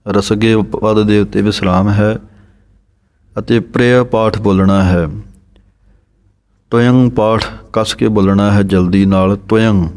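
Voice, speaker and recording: A man teaching the pronunciation of scripture recitation. He chants each verse slowly, then explains how every word should be said. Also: lowish voice, fairly even intonation, darkish tone.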